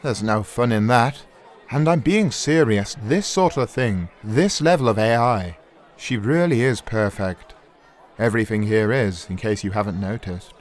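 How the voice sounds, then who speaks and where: A man with a lowish, expressive voice speaks unhurriedly as a flamboyant, cocky lead programmer in an audio drama. In teasing, cocky dialogue, he needles his old colleague.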